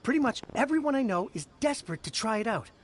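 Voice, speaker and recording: A man's voice: very high voice, expressive, fast, a little hiss or hum. A man voicing a gossipy young townsperson in a game, eagerly passing on rumours.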